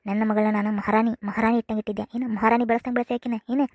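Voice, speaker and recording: A woman's voice: on the high side, little pitch movement, very fast, darkish tone, no room sound, studio quality, natural voice. Woman voicing a dramatic chattering village mother. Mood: grumbling. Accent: North Karnataka Kannada. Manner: chattering, dramatic, rhetorical questions. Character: fussy doting middle-aged village mother. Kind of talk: cartoon comedy voice acting.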